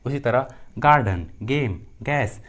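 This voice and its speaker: A man's voice: medium pitch, lively intonation, slow pace, fairly bright tone. A young man teaching pronunciation, repeating each rule and example word and answering his own questions. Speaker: English teacher. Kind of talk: pronunciation lesson.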